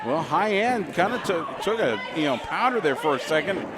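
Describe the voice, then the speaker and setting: A man's voice: on the high side, sing-song, normal speed. A man giving live color commentary on a pro wrestling match as the second commentator. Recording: noisy venue with crowd behind. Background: crowd noise.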